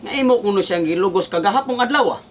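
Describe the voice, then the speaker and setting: A man's voice: sits high, quick pace. Coaxing mock-host man over music. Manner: coaxing, repeatedly calming, laughing. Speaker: mock radio host mediating a complaint. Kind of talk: comedy sketch acting. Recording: music playing behind.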